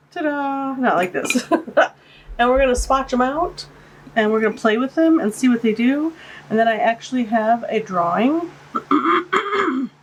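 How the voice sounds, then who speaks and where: With a slightly high, stuffy and congested voice, this art channel host chats and gushes through a casual unboxing of art supplies, cooing at every tiny thing. The audio is poor, with a little hiss or hum, picked up by a camera-mounted shotgun mic above the tabletop in her home art studio.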